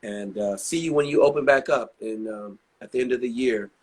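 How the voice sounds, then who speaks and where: Older man, husky voice, chatty rambling storyteller, interview guest. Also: medium pitch, brisk, a little mellow. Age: 60s. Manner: chatty, rambling anecdotes with many asides. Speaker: guest singer.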